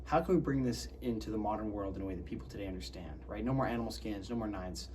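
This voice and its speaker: A man's voice: lowish voice, fast, a little mellow, recorded from a distance. A man gives informal commentary on a film project in a conversational way, checking in as he goes. He sounds a bit away from the mic, with faint noise behind. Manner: conversational, seeks agreement with tag questions.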